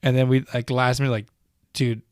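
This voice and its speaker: A man's voice: mid-range voice, moderate pace, no echo, clean studio sound. Laid-back swearing guy. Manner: loose, profane and rambling. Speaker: podcast co-host. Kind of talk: casual chat. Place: home.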